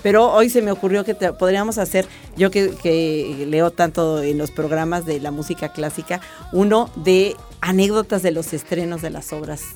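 A woman's voice: on the low side, fairly even intonation, normal speed, hardly any pauses, a little mellow, faint music behind. A woman co-hosting a radio chat, who keeps affirming with "ajá" and echoing her partner's words. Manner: affirming, echoes the other host with "ajá". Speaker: radio co-host.

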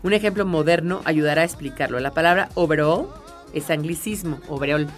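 A woman's voice: sits low, fast talker, soft background music. A woman co-hosting a radio chat about language, explaining patiently and often checking in with a questioning "¿no?". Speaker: radio co-host.

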